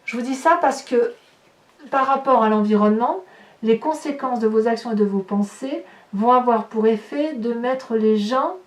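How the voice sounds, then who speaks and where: A woman gives a tarot reading, musing aloud with hesitations and rhetorical questions as she turns the cards. Her voice sits on the high side with a darkish tone, and the recording is roomy, with a distant mic.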